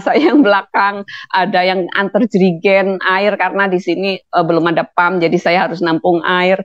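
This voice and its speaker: A woman's voice: mid-range voice, no room sound. A middle-aged woman gives an emotional personal testimony, often laughing as she talks. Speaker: guest. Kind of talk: testimony interview. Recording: dull, dry sound.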